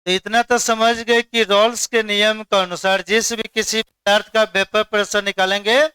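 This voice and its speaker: Loud high-voiced chemistry teacher. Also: male voice, clear, resonant tone, no echo. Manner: loud, questioning the class, mixing English terms. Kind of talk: classroom lecture.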